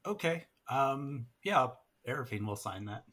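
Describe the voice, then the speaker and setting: A man's voice: medium pitch, sing-song, unhurried, a bit bright. A man playing a tabletop game, talking hesitantly with many fillers. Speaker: player. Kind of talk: casual tabletop game chat.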